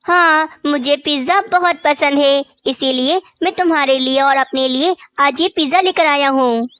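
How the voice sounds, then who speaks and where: A woman's voice: high voice, normal speed, a bit bright, no room sound. A woman voicing a rich young male crow, a husband who scolds and gives orders in a cartoon. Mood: stern. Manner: bossy, scolding. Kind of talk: cartoon voice acting.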